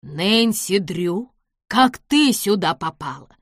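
Woman voicing a forceful angry man. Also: mid-range voice, lively intonation, takes it slowly, no room sound, studio quality. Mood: demanding. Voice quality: forceful, demanding. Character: angry determined grown man demanding.

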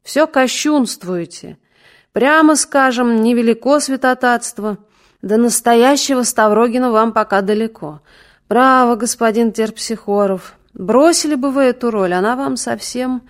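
A woman's voice: a little high, measured pace, natural voice. Brusque middle-aged male doctor, stern yet fatherly, read by a woman narrator. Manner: stern then fussing, fatherly.

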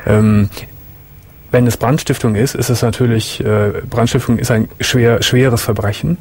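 A man hosting a late-night radio call-in show, asking gentle, reassuring questions in a calm way. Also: medium pitch, measured pace.

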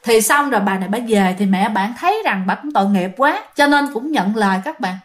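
A woman's voice: mid-range voice, lively intonation, fairly quick. A woman telling a ghost story casually, talking directly to her listeners. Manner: chatty, addresses listeners directly.

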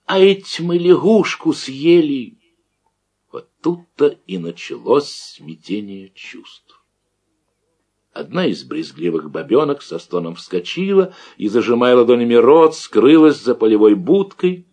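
A man's voice: medium pitch, a little slow, slightly rough. A man narrating a literary story expressively and theatrically. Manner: animated, theatrical. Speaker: audiobook narrator.

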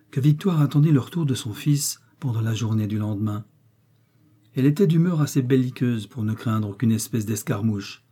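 A man reading a classic novel aloud as an audiobook narrator, in a measured, even storytelling manner. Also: mid-range voice, husky. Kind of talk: scripted literary narration.

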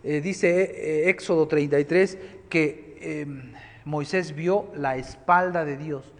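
A man preaches a sermon in a high voice, dropping to a hush and then building to loud, emphatic lines. His voice rings out with the long reverb of a church hall. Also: steady tone, takes it slowly. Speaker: pastor.

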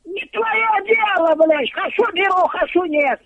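Gruff high-voiced older woman on the phone. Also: unhurried, no room sound. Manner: gruff, hostile, foul-mouthed. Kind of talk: prank phone call, casual argument. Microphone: telephone. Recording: dull lo-fi telephone line.

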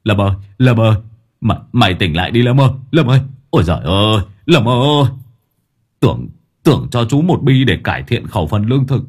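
A man voicing a young male drug-addict friend who keens a loud, theatrical lament over his buddy. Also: fairly low pitch, very animated, a little fast, slightly rough. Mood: wailing.

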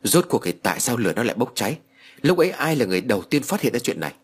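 A man voicing a calm older uncle who gives firm, measured instructions to the family. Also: medium pitch, husky.

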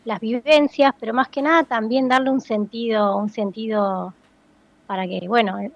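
Speaking at a moderate pace in a slightly high, gravelly voice with a steady tone, a woman singer-songwriter is interviewed casually by phone. She searches thoughtfully for her words, and the line sounds dull and dry.

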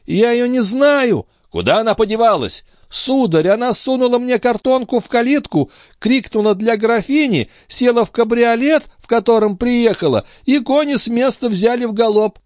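Male reader as doorkeeper, frightened, servile, very high, dry. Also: expressive, moderate pace, hardly any pauses, a little mellow, dry recording. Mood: flustered. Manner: flustered, pleading.

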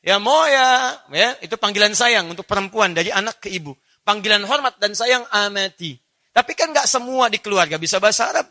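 A male preacher delivering an Islamic study sermon with a high, bright, forceful voice. He talks animatedly, quoting Arabic verses and turning to his audience with questions. The tone stays clear and cutting. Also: animated, a little fast.

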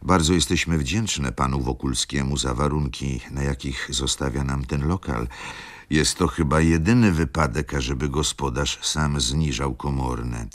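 A man's voice: rumbling low, measured pace, dry recording. A man voicing a polite, restrained young woman in an audiobook reading.

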